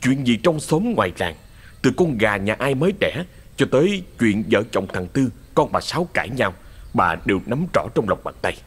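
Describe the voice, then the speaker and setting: Brief: male ghost-story narrator, husky, animated delivery. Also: mid-range voice, moderate pace. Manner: expressive storyteller.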